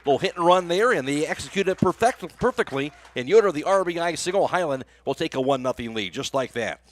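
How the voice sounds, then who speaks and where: Talking fast in a slightly high, animated voice, an American man announces live baseball play-by-play on the radio. His delivery is broadcast-style, captured by a close microphone.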